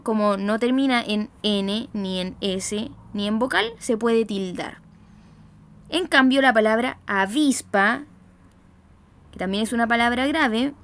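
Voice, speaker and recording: Brief: Chilean woman teacher, fairly high voice, slow emphatic stressing of syllables, dry close mic. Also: no room sound. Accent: Chilean Spanish. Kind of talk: recorded online grammar lesson.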